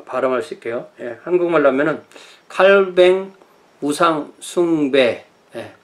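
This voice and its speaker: A man's voice: mid-range voice, a little mellow. Middle-aged male pastor, history lecture, hesitant and self-correcting delivery, filler-heavy. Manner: thinking aloud with many fillers and self-corrections. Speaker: pastor teaching church history.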